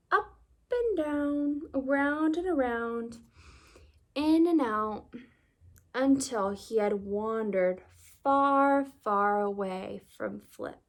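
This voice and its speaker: A woman with a high-sitting voice narrates a children's story aloud. She reads expressively, phrasing things deliberately for young listeners.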